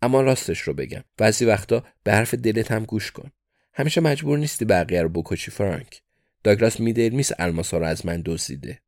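A man voicing a calm, wry, middle-aged English fixer who soothes an angry client. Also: lowish voice, dry recording, studio quality, close to an everyday voice.

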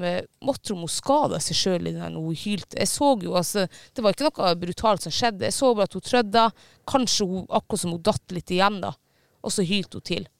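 Man, casual chat, high voice, smooth yet gravelly, dry close sound, animated storytelling. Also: no room sound. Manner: animated, swearing storytelling with many fillers.

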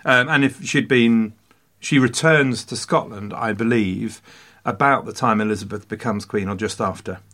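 A man's voice: fairly low pitch, normal speed, a bit bright. An English man hosting a casual history podcast, full of jokey asides and mock French phrases. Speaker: podcast host.

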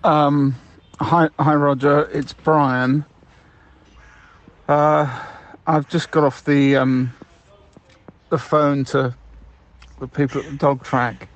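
A man leaving a voicemail, heard over a landline phone, hesitant and halting with many ums. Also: a little high, level tone. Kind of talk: comedy sketch. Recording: muffled phone-line audio.

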